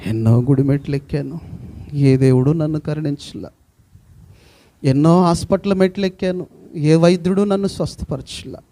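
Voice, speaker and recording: A man's voice: fairly high pitch, normal speed, long pauses, mellow, pitched below the performer's own voice, natural voice. A male preacher voicing a desperate woman who has been sick for twelve years, pleading in rhetorical questions. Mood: despairing.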